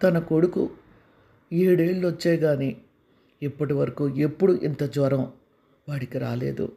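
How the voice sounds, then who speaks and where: A man narrating a dramatic family story in a soft, sorrowful way. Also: a little high, steady tone, unhurried, gravelly.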